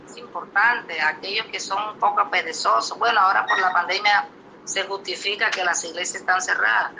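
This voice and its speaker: Very bright-voiced woman preacher. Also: mid-range voice, steady tone, fairly quick, creaky, slight background noise, poor audio. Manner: emphatic storytelling, frequent rhetorical questions to the congregation. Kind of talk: testimonial sermon.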